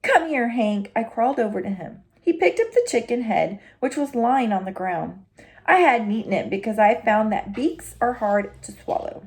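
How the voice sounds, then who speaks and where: A woman teacher reading a children's novel aloud expressively, pausing to explain words. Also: medium pitch, animated, a little mellow.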